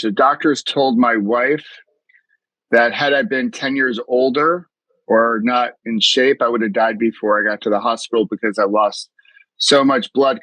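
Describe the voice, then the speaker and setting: A man's voice: medium pitch, a bit bright, no room sound, rough recording. A middle-aged man from the US East Coast, a mindfulness coach telling his story in an interview in an earnest, reflective way, often restarting his sentences. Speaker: mindfulness coach and podcast guest.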